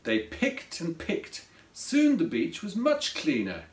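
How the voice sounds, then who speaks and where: A man narrates a children's storybook at an unhurried pace, and his pitch rises and falls with a lot of life. He sits a little way from the mic in a room with a noticeable echo. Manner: slow, expressive read-aloud. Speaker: author reading his own story. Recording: roomy echo from a distance.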